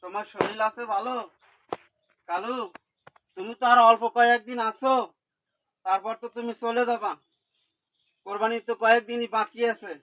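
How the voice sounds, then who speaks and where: A man's voice: very high voice, fairly even intonation, normal speed, pauses often, dry recording, low-quality recording. A man, tenderly and repetitively coaxing his animal before parting with it. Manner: soft, pleading and repetitive, coaxing. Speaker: livestock owner. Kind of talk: tender spoken farewell to an animal.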